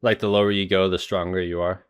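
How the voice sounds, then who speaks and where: A man's voice: deep voice, flat delivery, fast talker, slight background noise. A young man giving informal, sweary, blurted commentary as he watches an anime. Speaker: reaction video host.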